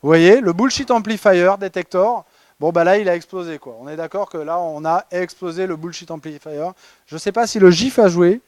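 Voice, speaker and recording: A man's voice: sits high, normal speed, a little mellow, no room sound. A man presenting a humorous award talk at a conference, ironic and chatty with many fillers and restarts. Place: conference hall.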